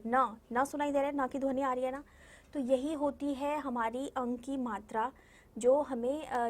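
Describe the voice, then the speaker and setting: A primary school Hindi teacher with a high voice records a lesson for small children. She is patient, sounding words out slowly and repeating them, and she often poses questions to the class and answers them herself.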